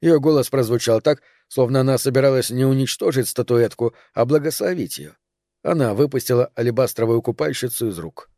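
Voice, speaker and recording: A man's voice: mid-range voice, dry recording. Man narrating a novel in a dry, close voice. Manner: even, measured storytelling. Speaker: audiobook reader. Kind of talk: scripted narration.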